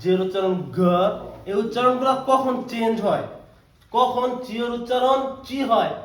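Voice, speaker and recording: High-voiced man teaching in an echoey classroom. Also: moderate pace. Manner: patient, repeats words to drill pronunciation. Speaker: language teacher. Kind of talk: classroom lesson.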